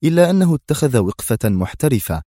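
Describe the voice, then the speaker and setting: A man narrating an action novel as a dramatic audiobook, moving his pitch a lot through the story. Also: very animated, a little fast, warm tone, no room sound, clean studio sound.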